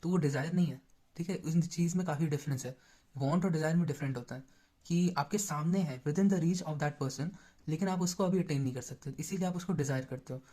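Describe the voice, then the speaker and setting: Chatty young male tutor, mellow voice. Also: a little high, brisk. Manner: chatty, explains in mixed Hindi and English terms, often checks in. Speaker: exam-prep tutor. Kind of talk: casual lecture explaining notes.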